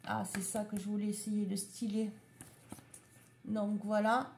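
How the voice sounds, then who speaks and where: A woman's voice: mid-range voice, flat delivery, vocal fry, a little mellow, a little hiss or hum. A woman chatting casually as she shows a craft haul, item by item. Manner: slow, chatty, showing items one by one. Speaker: craft vlogger.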